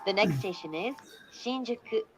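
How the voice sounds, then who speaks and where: A woman giving a calm, formal recorded train announcement over an intercom. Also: mid-range voice, normal speed. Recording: dull lo-fi playback with faint noise.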